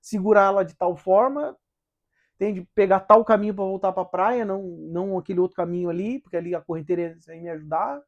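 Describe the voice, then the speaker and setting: An earnest, wondering woman who cannot explain how she saved a drowning stranger, in a spoken storybook retelling, raised a little in pitch as a man puts her on. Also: steady tone, brisk, dull audio. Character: woman rescuer, bewildered by her own strength.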